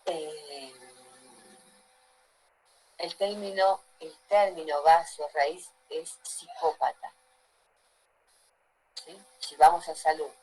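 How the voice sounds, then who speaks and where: Teaching a class, this woman often checks in with the students to see if they follow her lecture. She speaks low-pitched with a dark tone, over a rough recording that carries a little hiss or hum.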